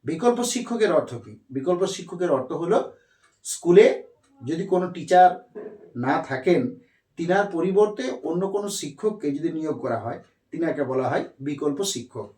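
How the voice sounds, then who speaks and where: A man teaching English vocabulary, speaking slowly, repeating himself and spelling words letter by letter. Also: a little high, expressive, darkish tone. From India. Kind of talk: explaining lesson on a board. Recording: echoey room.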